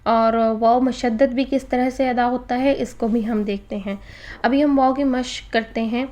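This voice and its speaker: A woman's voice: a little high, fairly even intonation, a little mellow. A woman teaching Quran recitation in a recorded lesson, explaining patiently step by step and mixing in English words.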